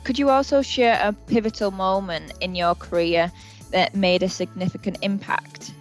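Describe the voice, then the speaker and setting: A woman interviewer asking polite, measured questions. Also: mid-range voice, steady tone, faint music behind.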